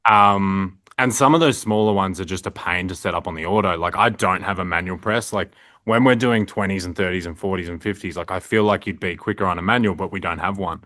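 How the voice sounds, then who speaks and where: A man's voice: sits low, a little fast, bright, forceful tone, dry recording, studio quality. A young Australian man, a print shop owner, chatting casually in an interview, rambling with lots of fillers. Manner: rambling, filler-heavy, frequent "like".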